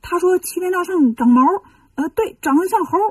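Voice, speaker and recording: A woman's voice: very high-pitched, a little fast, no room sound, far from the mic, pitched above the performer's own voice. A woman voicing a group of frightened male monks in a children's storybook, speaking in a worried, pleading manner. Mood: excited.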